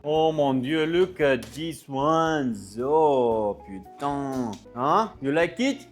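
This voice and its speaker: A man playing an excitable French chef with a French accent, giving a casual, exclamatory step-by-step cooking tutorial. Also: a little high, drawn-out words, soft background music. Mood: delighted. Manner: exclamatory, sprinkles in French interjections and kitchen sound words. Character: excitable French chef, a man, teaching soufflé with fussy delight. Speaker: cooking show presenter.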